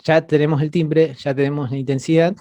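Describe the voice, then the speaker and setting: A man's voice: a little high, flat delivery, brisk, dark tone, no echo. Man teaching over a video call. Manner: patient, explanatory, repeats words as he goes. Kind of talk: online class lecture.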